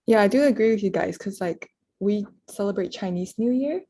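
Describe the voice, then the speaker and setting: A woman's voice: mid-range voice, fairly quick, warm tone, breathy edge, dry recording. A young woman from Malaysia co-hosting a student podcast, asking questions and chatting casually. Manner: friendly, frequent mm-hmm backchannels. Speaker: podcast co-host.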